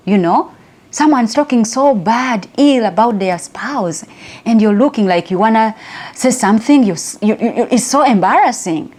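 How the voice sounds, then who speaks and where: A middle-aged Ugandan woman speaks in a chatty, lively way, telling a personal story for an inspirational talk. She laughs easily. Her voice sits at a middle pitch.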